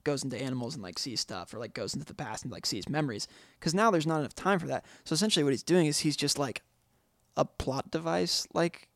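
A man's voice: fairly high pitch, fast talker, gravelly, fairly bright tone, dry recording. A man co-hosting a podcast, rambling and joking in casual chat with many "like" fillers. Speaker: podcast co-host.

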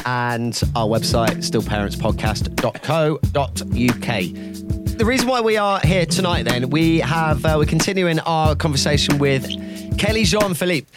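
A man's voice: a little high, expressive, unhurried, over loud music. A man with a British accent hosting a podcast, chatting casually and rambling a little as he corrects himself. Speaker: podcast host.

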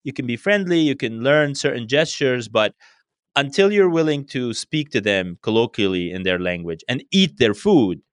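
An interview guest from Syria, a native Arabic speaker partly raised in Spain, answers questions conversationally, repeating words as he works out his thoughts. His medium-pitched voice is expressive and moderately paced, captured in clean, echo-free studio sound.

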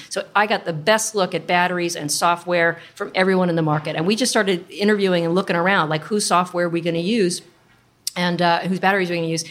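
A middle-aged woman speaking as a startup founder in an interview, explaining things informally with plenty of industry jargon. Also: fairly low pitch. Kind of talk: conversational interview storytelling.

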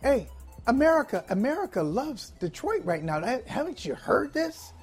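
A man's voice: extremely high pitch, moderate pace, slightly rough, faint music behind. A middle-aged man co-hosting a sports talk show, teasing his co-host in casual banter. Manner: teasing, animated, acts out quoted fans. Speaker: podcast co-host.

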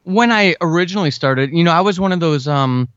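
An audio drama writer appears as an interview guest, chatting informally and earnestly with clear enthusiasm for his craft. His voice sits on the high side, animated, fairly quick, and fairly bright. The recording has no room sound and the highs are cut off.

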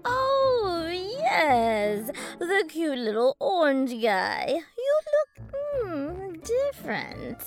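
A woman voicing a flustered, hurried woman who runs a theater rehearsal in a children's audio drama. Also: extremely high pitch, huge pitch swings, music in the background, exaggerated voice. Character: fussy, busy woman running a theater rehearsal.

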